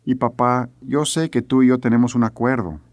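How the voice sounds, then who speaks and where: A man's voice: mid-range voice, fairly even intonation, normal speed, dry recording. A middle-aged man teaching a sermon, telling a family story earnestly and acting out the voices he quotes. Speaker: preacher.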